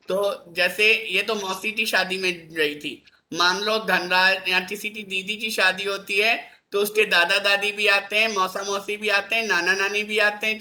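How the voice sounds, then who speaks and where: A man's voice: sits high, pushed and bright. A male teacher giving a classroom lesson, coaxing his pupils with constant questions like "isn't it?". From India.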